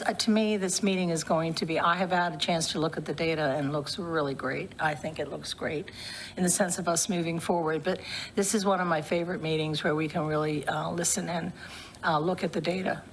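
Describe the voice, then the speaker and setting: A woman chairing a public committee meeting, relaxed and chatty, with a voice she says she is losing. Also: lowish voice, a little hiss or hum. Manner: warm, loose, laughs between remarks. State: losing her voice.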